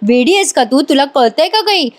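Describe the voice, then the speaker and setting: A woman voicing a loud, excitable young woman who fires off shocked questions in a serial retelling. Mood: scolding. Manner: shrill, rapid-fire questions.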